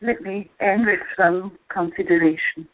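A woman analyst delivers a formal lecture at an unhurried, deliberate pace, lingering over quoted lines. She is heard from an old audio cassette, with a thin, boxy, phone-narrow sound. The room sound is dry and close. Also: mid-range voice, fairly even intonation, dry recording. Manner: slow and measured, reads quotations with care. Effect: old audio cassette recording played on radio. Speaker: Jungian analyst giving a lecture.

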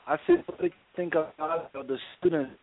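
A man's voice: fairly high pitch, wildly swooping pitch, quick pace. A man on a group phone call whose line keeps breaking up, checking again and again whether the others can hear him. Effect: choppy phone line breaking up. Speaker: call participant.

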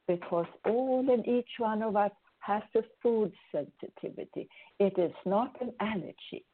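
A woman's voice: fairly low pitch, gravelly, breathy edge. A woman hosting a show and answering listener questions, giving earnest, rambling advice with frequent restarts. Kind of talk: spoken advice talk. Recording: tinny phone-like audio.

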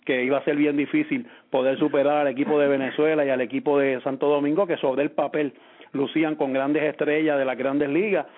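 A Puerto Rican man co-hosts a sports podcast, reasoning aloud and repeating words as he restarts his thoughts. His voice sits a bit high and comes through a narrow, phone-like line. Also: little pitch movement, a little fast. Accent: Puerto Rican Spanish. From Puerto Rico. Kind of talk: casual sports talk.

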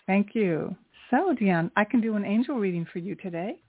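A woman hosting a spiritual call-in show as an angel card reader, speaking in an encouraging, affirming way with a husky, gravelly voice. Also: medium pitch, lively intonation, normal speed, slight background noise. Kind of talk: spiritual reading with call-in segment. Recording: tinny phone-line sound, roomless and dry.

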